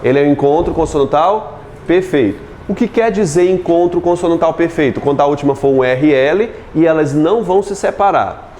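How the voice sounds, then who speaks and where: Brazilian teacher asking and answering himself. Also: male voice, on the high side, brisk, darkish tone. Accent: Brazilian Portuguese. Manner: asks the class questions and answers them himself; stretches out syllables while spelling words. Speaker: Portuguese teacher. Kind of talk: video lesson on syllable division.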